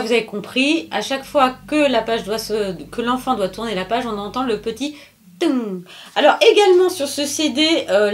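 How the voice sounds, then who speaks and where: A woman presenting a children's book in a casual, chatty way, with many hesitations and fillers, who laughs at her own jokes. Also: on the high side.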